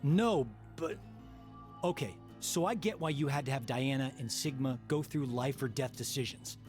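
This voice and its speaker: A man's voice: mid-range voice, normal speed, a little mellow, soft background music, natural voice. A man playing an indignant, agitated young man in a video game, speaking emphatically in protest.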